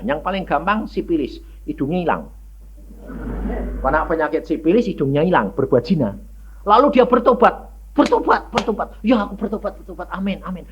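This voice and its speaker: A male evangelist preaching a sermon with speech, dramatic, with sudden loud bursts and rhetorical questions to the congregation. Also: on the high side, lo-fi sound, slight background noise.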